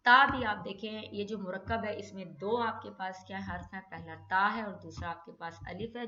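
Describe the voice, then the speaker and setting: Bright-voiced woman teaching tajweed. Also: medium pitch. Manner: asks and answers her own questions, then recites slowly and drawn out. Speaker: Quran recitation teacher. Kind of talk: tajweed lesson in Hindi-Urdu. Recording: dull echoey room recording.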